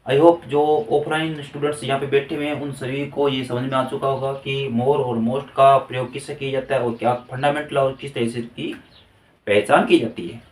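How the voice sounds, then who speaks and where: A man's voice: medium pitch, fairly even intonation, normal speed. A man teaching a grammar lesson to a class, explaining step by step and often checking with "okay". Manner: explains step by step, repeats "ठीक है". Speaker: English teacher. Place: classroom with students present. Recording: echoey room, voice from far off.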